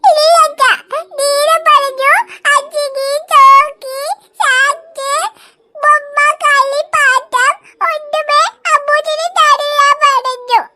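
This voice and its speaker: A woman's voice: extremely high pitch, flat delivery, slow pace, bright, forceful tone, exaggerated voice. A woman voicing a small, sulky little girl in a cartoon, crying and whining as she pleads with her father. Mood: sobbing. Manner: sobbing, whiny, pleading. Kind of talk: cartoon voice acting.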